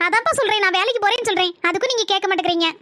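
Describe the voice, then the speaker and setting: A woman voicing a caring, sensible young village daughter in a cartoon comedy. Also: noisy background. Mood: concerned. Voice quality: high, bright, quick.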